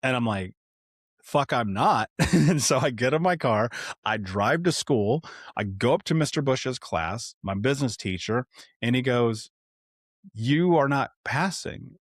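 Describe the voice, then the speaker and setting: A man's voice: medium pitch, expressive, normal speed, no room sound, studio quality. A man from the United States, a podcast guest, telling his own life story in a candid, emphatic way, swearing casually and acting out old conversations. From Indianapolis, United States. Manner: blunt and emphatic, swears casually, retells past dialogue.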